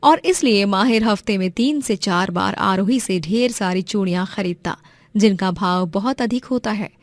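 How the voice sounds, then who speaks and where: A woman narrating a cartoon story in an even, clear storytelling manner. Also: mid-range voice, moderate pace, no room sound.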